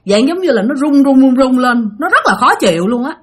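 Animated Southern Vietnamese woman storyteller. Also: high voice, a little fast, slightly rough. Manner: animated, addresses listeners directly. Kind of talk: spoken ghost story narration.

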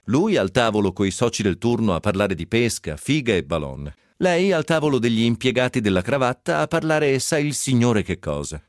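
Male reader, low voice, animated ironic storytelling, close dry radio studio. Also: normal speed, few pauses, no echo. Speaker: reader of a novel excerpt. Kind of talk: expressive literary reading.

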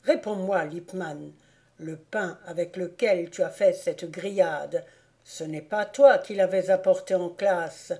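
A woman voicing a stern elderly male schoolmaster in an audiobook, scolding loudly and with biting irony. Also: lowish voice, slow pace. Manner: thundering, ironic scolding. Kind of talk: audiobook character voice.

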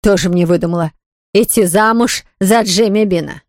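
A woman's voice: mid-range voice, moderate pace, darkish tone, no room sound, clean studio sound, close to an everyday voice. A woman voicing a strict, self-pitying elderly aunt who scolds firmly. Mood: stern. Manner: firm, scolding, categorical.

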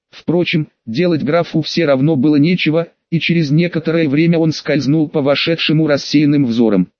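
A man reading a historical novel aloud as an audiobook narrator in a measured, formal storytelling style. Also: a little high, no echo. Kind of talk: scripted narration. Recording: dull, dry lo-fi audiobook recording.

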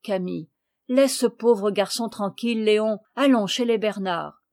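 Gentle, sensible young girl, mildly reproving, read by a woman. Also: medium pitch, unhurried, lightly acted.

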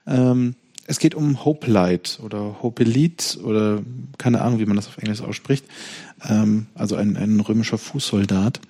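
A man chats casually on a podcast, pausing often and restarting his sentences as he works out what to say. His voice has a gravelly edge and a dark, mellow tone. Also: fairly low pitch, steady tone. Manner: hesitant, many fillers and restarts, thinking aloud. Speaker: podcast co-host. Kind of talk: casual chat.

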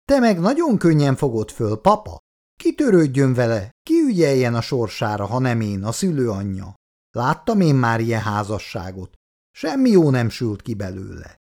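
A man's voice: medium pitch, sing-song, a little mellow. A man voicing an indignant, jealous middle-aged mother who scolds her family sharply.

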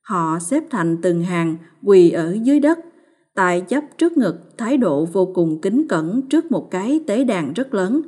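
A woman narrating a ghost story as a storyteller, in a measured, solemn way. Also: fairly low pitch, a little mellow.

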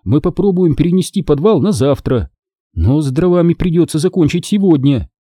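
A man's voice: fairly high pitch, expressive, fairly quick, warm tone, no echo, studio quality, voice pushed up. A man voicing a playful, mannered young woman in an audiobook. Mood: teasing.

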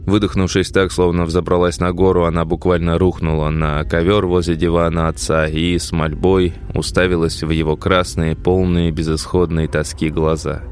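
A man narrating an audiobook in a measured, dramatic reading. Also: low voice, little pitch movement, a little mellow. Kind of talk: scripted narration.

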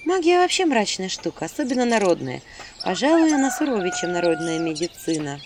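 A woman narrating a fantasy story in the first person, in a lively, wry manner. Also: medium pitch, brisk, a little hiss or hum.

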